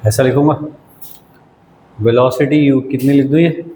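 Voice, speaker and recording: A man's voice: medium pitch, steady tone, moderate pace, mellow. Man teaching physics in an echoey classroom. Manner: quizzing students, teasing and casual. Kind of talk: classroom lecture. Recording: echoey room with faint noise.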